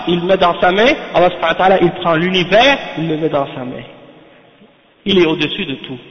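A man teaching a religious lesson who often asks "Hein?" to check on his listeners and recites Arabic passages rapidly. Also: fairly high pitch. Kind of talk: religious lecture explaining a text. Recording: echoey hall, dull lo-fi sound.

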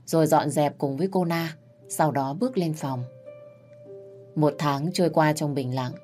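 A woman narrating a family drama in the first person, calm and quiet. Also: low voice. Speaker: storyteller.

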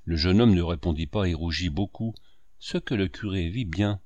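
A man narrating a classic children's story in an expressive, scripted reading. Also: sits low, moderate pace, no echo, dull audio. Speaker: audiobook narrator.

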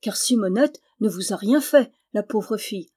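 A woman's voice: mid-range voice, moderate pace, warm tone, breathy edge, close to an everyday voice. A woman reading the part of a timid young peasant man, pleading and earnest but stubborn. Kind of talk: audiobook character voice.

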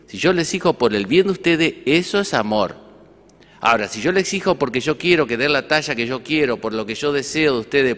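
A man's voice: mid-range voice, fairly bright tone, long reverb tail. A male priest with an Argentine accent giving a conversational sermon, often asking rhetorical questions. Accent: Argentine Spanish. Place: church.

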